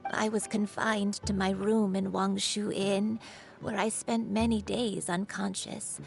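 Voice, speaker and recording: A woman voicing a frail, forgetful old grandmother, reading game dialogue in a slow, sorrowful way. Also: medium pitch, little pitch movement, soft background music. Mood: wistful. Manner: slow, sorrowful, gravelly storytelling.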